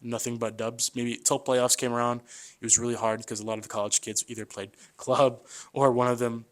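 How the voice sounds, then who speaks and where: A young man in his twenties, a podcast guest in a relaxed, casual conversation. He is chatty and loose, often calling the host "man". He tells his stories with some life, acting out the voices of the people in them. His voice sits at a middle pitch. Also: fairly quick. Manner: lively storyteller who acts out quoted voices.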